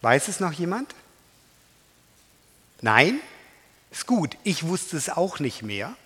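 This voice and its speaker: A man preaching a sermon to a congregation at a slow, unhurried pace. He talks in a conversational way and often turns to his listeners with questions. His somewhat high voice echoes with the long reverb of a hall. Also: very animated, a bit bright, husky. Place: church hall.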